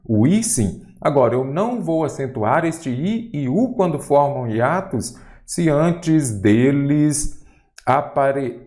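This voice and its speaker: A man's voice: medium pitch, a little mellow. A man teaching a grammar lesson for exam prep, quizzing the viewer with rhetorical questions.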